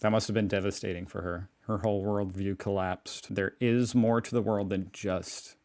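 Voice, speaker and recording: A man hosting a reaction video, delivering sarcastic, deadpan commentary. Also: fairly low pitch, moderate pace, a little hiss or hum.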